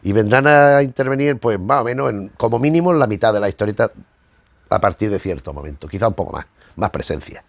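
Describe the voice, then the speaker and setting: Gravelly low-voiced man reviewing comics. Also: lively intonation, quick pace, no room sound. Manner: hesitant, often repeats words while searching for the next thought. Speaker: comic book reviewer, channel host. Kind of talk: casual spoken review while leafing through comics.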